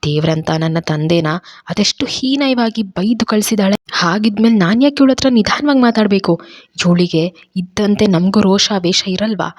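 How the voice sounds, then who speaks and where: A woman's voice: fairly low pitch, moderate pace, dry recording, studio quality, lightly acted. A woman storyteller voicing an angry young husband who hurls harsh, scornful reproaches. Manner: shouting reproaches, scornful questions.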